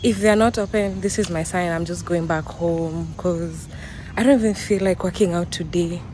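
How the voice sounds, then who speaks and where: A woman's voice: on the low side, steady tone, normal speed, a little mellow, slight background noise. A young woman with a Kenyan accent chatting casually to her phone camera outdoors, laughing often and joking about herself. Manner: chatty, laughs often, self-mocking asides. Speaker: vlogger. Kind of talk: casual vlog chat to camera. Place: outdoors, walking around town.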